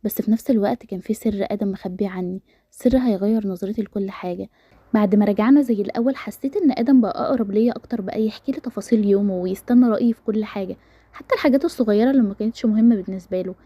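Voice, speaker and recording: A woman with an Egyptian accent reading a romance story aloud in a brisk, steady first-person narration. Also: medium pitch, no room sound. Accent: Egyptian Arabic.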